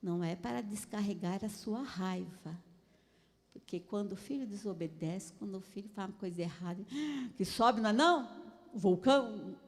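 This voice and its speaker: A woman's voice: mid-range voice, normal speed, in a large hall. A woman with a Brazilian Portuguese accent giving a conversational church talk on parenting, chatty, laughing often and asking listeners for agreement. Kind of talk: conversational sermon with personal stories.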